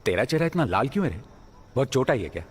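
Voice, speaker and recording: An actor dubbing a stern middle-aged laundryman father who scolds and then gently coaxes his son, in a husky voice. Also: medium pitch, sing-song, fast talker. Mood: coaxing. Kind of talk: Hindi film dub.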